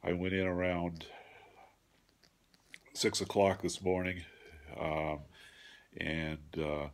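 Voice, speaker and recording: Middle aged guy, super low voice, stuffed up nose, slow halting casual update into his phone at home. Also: level tone. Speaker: vlogger giving a surgery recovery update. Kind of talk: casual video diary. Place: home room with a large window, indoors. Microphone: phone at arm's length.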